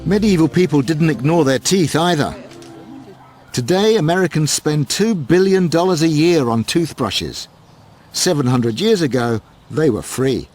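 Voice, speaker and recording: A man delivering scripted, measured documentary narration. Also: on the high side, lively intonation, a little mellow. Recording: narration over clear background music.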